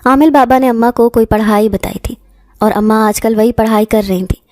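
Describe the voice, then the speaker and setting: A woman narrating a first-person horror story in a steady, dramatic storytelling manner. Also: on the high side, dry recording, studio quality.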